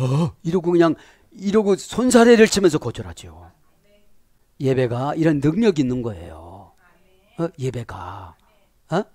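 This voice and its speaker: A male pastor preaching with plenty of animation, his voice sitting a little higher than most men's. He keeps turning to his listeners with quick checks, and he acts out little scenes in other voices. The recording is close and dry. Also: darkish tone, no room sound. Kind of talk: sermon, Bible word study.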